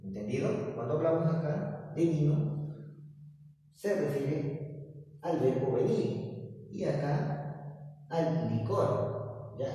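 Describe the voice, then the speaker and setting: A man's voice: mid-range voice, mellow. Peruvian male teacher, echoey distant room. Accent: Peruvian Spanish. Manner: patient, repetitive, keeps asking "¿ya?". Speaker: primary school teacher. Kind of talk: recorded classroom lesson. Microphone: far from mic. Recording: distant roomy mic, long reverb.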